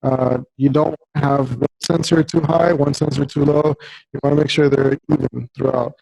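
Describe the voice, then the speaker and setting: A man explains things in a live online tutorial, and his microphone crackles and distorts as he speaks. His voice sits a little high for a man, with a gravelly, fry-laden edge and a warm, dark tone. The sound is dry and close, with no room around it. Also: flat delivery, dry recording. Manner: halting, with frequent fillers and restarts. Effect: crackling, distorted microphone audio. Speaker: co-host demonstrating motion-capture suit setup.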